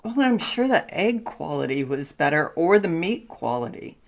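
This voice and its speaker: Woman host from northern California; lowish voice, direct and curious. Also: big pitch swings, normal speed, vocal fry. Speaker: interviewer. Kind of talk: casual interview chat.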